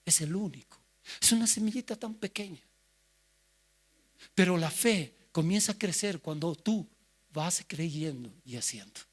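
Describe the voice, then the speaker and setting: Male pastor preaching, goes quiet then suddenly loud, acts out the people he quotes. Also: fairly high pitch, expressive, unhurried, pauses often. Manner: swings from soft asides to loud shouted quotes. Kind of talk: sermon.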